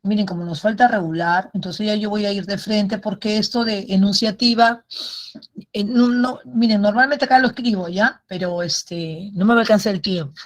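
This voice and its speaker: A woman's voice: medium pitch, normal speed. A woman teacher giving an online grammar lesson, patient and explanatory, repeating key points and checking in with short tag questions.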